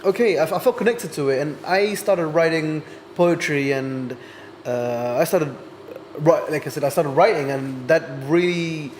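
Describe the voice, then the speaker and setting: A man's voice: on the high side, normal speed, a little hiss or hum. A man in his twenties, a music artist guest on a podcast, telling his story thoughtfully with frequent hesitations. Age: 20s. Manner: thoughtful, hesitant with many ums. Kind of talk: casual interview chat.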